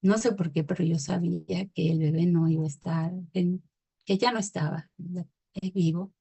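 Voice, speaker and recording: A middle-aged woman telling her personal faith testimony in a reflective, hesitant way, pausing often with fillers. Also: on the low side, fairly even intonation, gravelly, warm tone, breathy edge. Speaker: testimony speaker.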